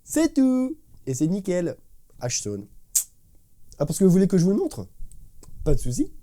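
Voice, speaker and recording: A man gives a casual drum lesson in a studio, his voice a touch higher than most men's. He talks with slangy enthusiasm and sounds out drum fills with nonsense syllables. Clearly audible drum tracks play behind him. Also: huge pitch swings, moderate pace, dark tone. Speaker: drum teacher. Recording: drum music playing behind the voice.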